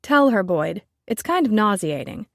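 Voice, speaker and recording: A woman's voice: medium pitch, big pitch swings, moderate pace, no room sound, studio quality. A woman voicing a petite, fiery female chef who talks raised and emphatic. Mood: teasing.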